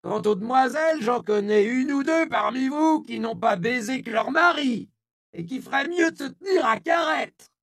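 A man voicing a crude, fierce old woman who yells coarse slang at a crowd in a raspy but powerful voice, in a storybook reading. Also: very high voice, animated, normal speed, no room sound, clean studio sound, pitched above the performer's own voice, exaggerated voice. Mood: scornful yelling. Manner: foul-mouthed slangy yelling.

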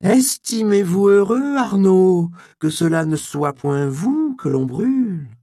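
A cold, commanding inquisitor bishop who speaks loud and pointed, pitched above the reader's own voice, as a male narrator puts him on. There is a gravelly grain to it in a dry, close recording. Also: animated, slow pace, no echo, full character voice. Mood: scornful.

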